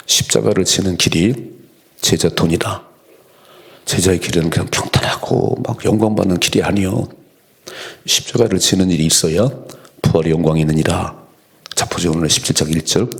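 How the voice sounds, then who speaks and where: Low-voiced korean church pastor, dawn sermon, earnest, acts out the bible bits. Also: male voice, creaky. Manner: earnest preaching, acts out quoted lines with a raised voice. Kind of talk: early-morning prayer sermon.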